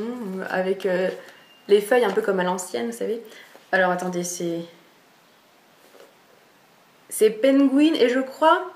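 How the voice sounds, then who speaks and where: A young woman chatting casually to camera as a book vlogger, enthusiastic and full of fillers and restarts. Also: on the high side. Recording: echoey room.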